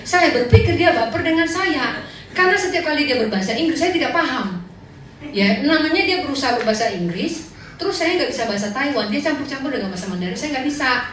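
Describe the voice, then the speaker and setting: A woman pastor delivering a lively, humorous sermon, acting out the people in her stories. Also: high voice, fast talker. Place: large church hall. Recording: echoey, distant church recording with faint noise.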